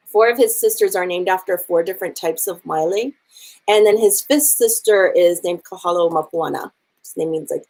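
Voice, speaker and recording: A woman's voice: on the low side, a little mellow, rough recording. Chatty woman telling a legend. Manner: chatty, with many fillers and "like". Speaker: hula teacher. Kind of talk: casual storytelling.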